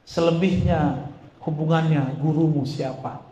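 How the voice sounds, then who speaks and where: A man preaching to a congregation in a lively, conversational way, quizzing the audience with rhetorical questions and slipping in jokes. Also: fairly high pitch, unhurried. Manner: joking asides. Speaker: Islamic preacher. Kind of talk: lively sermon to a live congregation. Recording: echoey hall with faint background noise.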